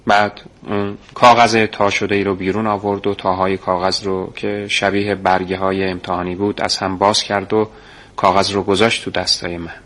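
A man narrating a story in a measured, suspenseful way. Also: sits low, level tone, fairly bright tone.

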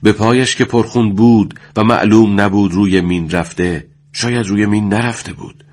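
A man reading a war story aloud in a solemn, measured way. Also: on the low side, steady tone. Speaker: narrator.

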